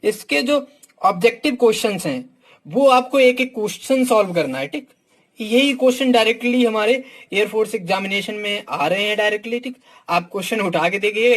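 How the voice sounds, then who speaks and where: This exam coach has a high-pitched, fairly bright male voice. Casually reviewing books for his students, he is outspoken and blunt, addresses them as "my dear", and adds "ठीक" (theek) to nearly everything he says.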